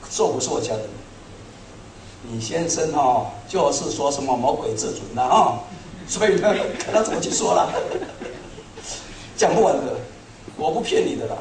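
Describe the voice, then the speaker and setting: A middle-aged man with a somewhat high voice delivers a sermon to his congregation. He tells stories in an animated, self-mocking way. His voice is caught from a distance in a roomy hall, with faint noise behind it. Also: normal speed, long pauses. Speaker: pastor. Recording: echoey hall, speaker far from mic.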